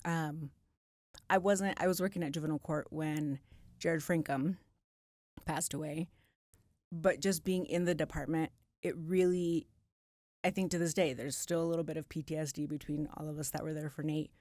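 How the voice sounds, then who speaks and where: Female guest, low voice, heartfelt and open, dry close studio sound. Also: steady tone, moderate pace, no room sound. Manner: heartfelt, warm-spirited, emotionally open. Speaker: police community outreach coordinator, guest. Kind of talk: casual interview conversation. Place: podcast studio.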